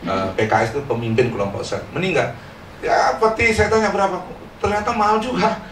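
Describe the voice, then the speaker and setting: A middle-aged man, a pastor, preaching a lively, joking sermon and calling on the congregation to say amen. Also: high voice, fairly quick, a little hiss or hum. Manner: lively and joking, calls for amens. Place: church. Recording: echoey church hall, distant mic.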